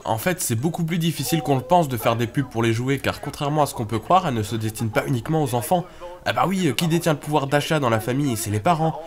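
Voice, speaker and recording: A man of middling pitch explains things as a comedy show co-host. His commentary is casual and colloquial, yet informative, with music clearly underneath. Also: lively intonation, fast talker.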